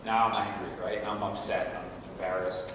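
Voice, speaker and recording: A middle-aged man speaks to parents in a school auditorium, lower in pitch and easy in delivery, dropping in "right?" to keep the room with him. He sounds far from the microphone, with a long hall reverb and steady room noise. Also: a little fast. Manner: storytelling, often checks in with "right?". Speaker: guest speaker at a parents' session. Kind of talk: conversational talk to parents. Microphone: distant room mic. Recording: echoey hall from far off, noisy.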